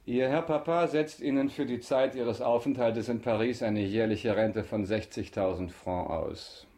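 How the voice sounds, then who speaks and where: In a German radio drama, a male actor with a natural, mid-range voice plays a suave, courteous count. His speech is polished, measured, and formal, smooth and quietly in control.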